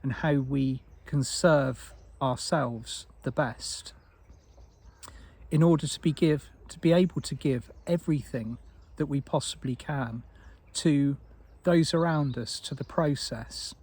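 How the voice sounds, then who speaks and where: A man giving an unscripted spiritual talk as a teacher, soft and meandering with frequent restarts. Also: mid-range voice, takes it slowly, husky.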